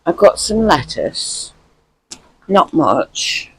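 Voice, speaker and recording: A man's voice: on the high side, big pitch swings, drawn-out words, a bit bright, a little hiss or hum, rough recording. A man chatting casually as a gardening vlogger, rambling and repeating words for emphasis.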